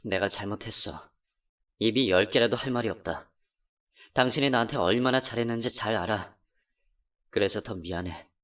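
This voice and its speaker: A man voices an unfaithful middle-aged husband in a radio drama, his speech low and hushed. He sounds guilty and evasive. The mic sits a little distant. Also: animated, moderate pace, natural voice. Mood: guilty pleading.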